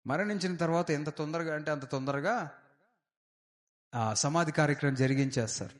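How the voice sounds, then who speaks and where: A man preaching an Easter sermon as pastor, fervent, with frequent hallelujahs and loud rising declarations. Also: fairly high pitch, moderate pace.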